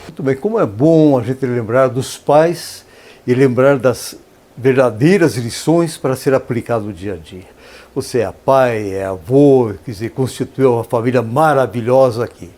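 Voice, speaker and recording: A man hosting an interview from a radio studio, his voice at a middle pitch. He speaks formally and ceremoniously, and his praise comes out flowery and elaborate. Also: moderate pace, dark tone. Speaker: radio interview host, professor.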